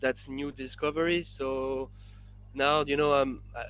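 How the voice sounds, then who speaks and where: A man from France with a French accent, a guest on a podcast interview, talking in a halting way full of fillers and restarts. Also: mid-range voice, flat delivery, fairly bright tone, slight background noise, rough recording. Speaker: guest, independent researcher.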